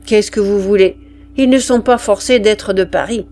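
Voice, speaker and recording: A woman reading aloud and voicing a gruff male army sergeant, blustering and exclaiming. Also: medium pitch, moderate pace, a little mellow, slight background noise, natural voice. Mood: rallying.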